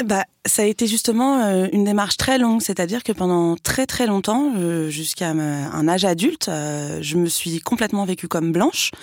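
A woman's voice: fairly low pitch, moderate pace, hardly any pauses, dry recording, clean studio sound. A young woman from France talking candidly at length, with many fillers. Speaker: guest. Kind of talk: casual conversation.

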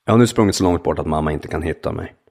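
A man narrating his own memoir in the first person, calm and measured in short sentences. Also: rumbling low.

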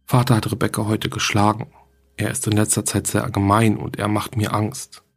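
A man reading as a lonely young girl who writes her diary to her dead mother, in a plain, quiet horror story reading. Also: fairly low pitch, completely flat delivery, normal speed, gravelly. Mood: fearful.

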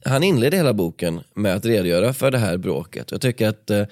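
A male podcast host speaks in a fairly low voice, switching between casual chat and a dramatic read-aloud. He is recorded close and dry in a studio. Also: animated, darkish tone, dry recording. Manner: storytelling, reads with dramatic pacing. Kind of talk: casual chat and reading a book passage aloud. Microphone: studio microphone.

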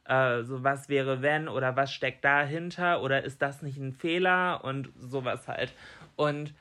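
A man's voice: medium pitch, a little slow, bright, forceful tone. A man chatting casually as a podcast co-host in an informal, colloquial way. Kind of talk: casual chat.

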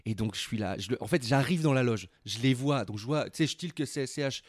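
Fast-talking man telling podcast anecdotes. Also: medium pitch, no room sound, studio quality. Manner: lively, rambling anecdotes with many restarts. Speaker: podcast co-host. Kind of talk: casual chat, storytelling.

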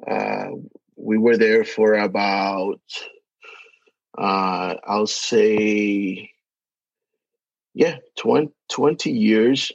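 Speaking on the low side with a gravelly voice, a Dominican man draws out his words and leaves long pauses, keeping his intonation fairly even. He's a Spanish-speaking podcast guest with a Dominican accent, hesitant and full of fillers and restarts, in a casual chat recorded dry and dull, lo-fi, with no room sound.

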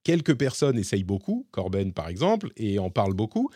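A man's voice: fairly low pitch, huge pitch swings, brisk, warm tone, husky, no echo, clean studio sound. Hesitant man chatting tech podcast. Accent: slightly hybrid French. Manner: hesitant, many fillers and restarts, explanatory. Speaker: podcast co-host. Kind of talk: casual tech podcast chat.

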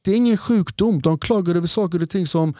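A man's voice: high-pitched, mellow, no room sound, clean studio sound. A man who is a doctor, explaining health topics in a casual podcast conversation and laying out his points one by one. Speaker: doctor guest.

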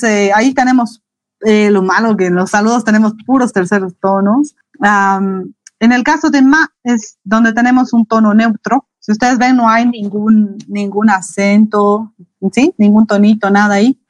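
A woman's voice: on the high side, no echo, poor audio. Patient woman teaching Mandarin basics. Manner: patient, explains slowly with repeated examples. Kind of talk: live online language lesson.

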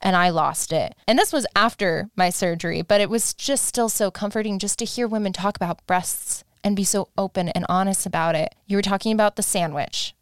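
A woman's voice: medium pitch, a little fast, few pauses, smooth, no room sound, studio quality. A young adult woman speaking as an interview guest in a casual, confiding personal chat.

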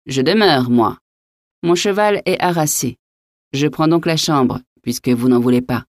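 A woman's voice: low voice, measured pace, no echo, clean studio sound. A woman voicing a hot-tempered young male nobleman, blustering and swearing, in an audiobook reading. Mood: indignant.

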